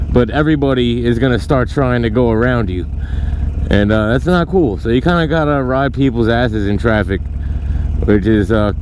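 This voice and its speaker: A man's voice: mid-range voice, darkish tone. A man chatting casually from inside a motorcycle helmet as he rides, thinking aloud in a rambling, conversational way like a motovlogger. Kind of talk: casual vlog chat while riding. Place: outdoors, riding a motorcycle in city traffic. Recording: engine and traffic noise, helmet mic.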